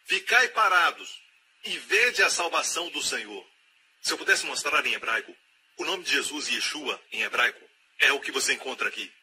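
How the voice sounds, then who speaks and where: Bright, emphatic male preacher. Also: mid-range voice, lively intonation, a little fast, slight background noise. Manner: emphatic, repeats key phrases, acts out quoted voices.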